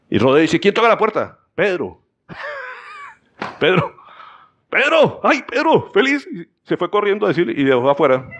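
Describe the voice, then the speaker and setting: Lively Colombian man preaching. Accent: Colombian Spanish. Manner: animated storyteller, acts out voices in high pitch, repeats "¿sí o no?". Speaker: pastor. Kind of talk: sermon.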